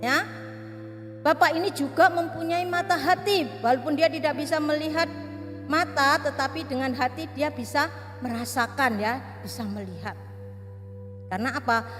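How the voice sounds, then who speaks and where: A woman teacher telling a Bible story to children in an animated way, often asking them questions. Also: high-pitched, moderate pace. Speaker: Sunday school teacher. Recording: reverberant room with faint music.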